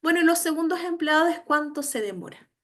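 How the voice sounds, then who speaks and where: In this online lecture on educational assessment, a woman talks a little fast in a high-pitched, expressive voice. She is emphatic and regularly asks tag questions to make sure listeners are following.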